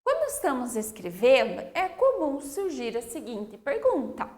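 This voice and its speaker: A woman teaching young children spelling, drawing out each example word slowly and checking in with "ok?". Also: high voice, wildly swooping pitch. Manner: slow, drawn-out word-by-word dictation with frequent "ok?" checks. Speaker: primary school teacher.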